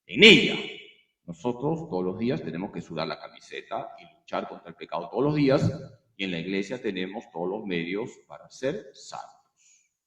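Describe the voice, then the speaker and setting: Priest with lively, rising voice. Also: male voice, low voice, normal speed, roomy sound. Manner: emphatic, repeats key phrases; storytelling with acted quotes. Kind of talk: catechism class.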